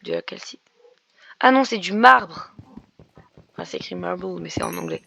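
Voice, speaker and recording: A woman's voice: on the low side, very animated, normal speed, vocal fry, pushed and bright, slight background noise. A young woman commenting on her Minecraft game in a chatty way, explaining as she plays, with many fillers and restarts. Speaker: gaming YouTuber. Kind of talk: Minecraft let's play commentary.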